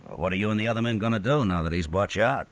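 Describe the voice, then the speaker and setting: An actor playing a steady, laconic Old West marshal in a 1950s radio drama, questioning in a measured way. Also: male voice, on the low side, muffled recording, lightly acted. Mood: easygoing, curious. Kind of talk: 1950s radio western acting.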